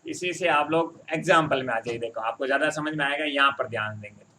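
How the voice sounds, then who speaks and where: A man's voice: medium pitch, quick pace, sharp tone, slight background noise. A man teaching a Hindi grammar lesson, explaining step by step and often checking that his students follow.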